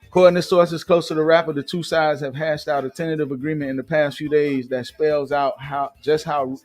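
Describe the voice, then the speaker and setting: Over soft background music, an Atlanta show host with a voice on the high side talks a little fast and flatly. He chats loosely and reads news aloud, using many fillers and frequent restarts.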